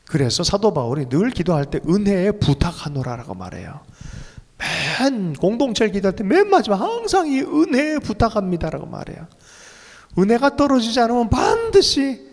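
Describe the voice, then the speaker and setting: A male pastor delivers an emotional sermon, his fairly high voice swinging widely and jumping up in sudden bursts. The sound carries a long reverb from a church hall. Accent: Korean. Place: church sanctuary.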